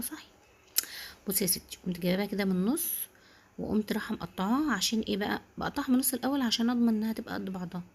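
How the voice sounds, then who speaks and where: A woman with an Egyptian Arabic accent hosting a home cooking video, chatting casually and warmly addressing viewers as sisters while explaining each step. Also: medium pitch, breathy edge. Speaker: home cooking channel host.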